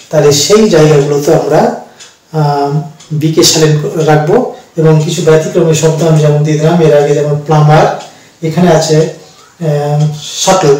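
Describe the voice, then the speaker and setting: A man's voice: a little high, a little mellow, far from the mic. Bengali-accented man teaching, echoey room. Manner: slow, with frequent hesitations and spelled-out letters. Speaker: English teacher. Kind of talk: explanatory lesson. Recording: echoey room, voice a bit off mic.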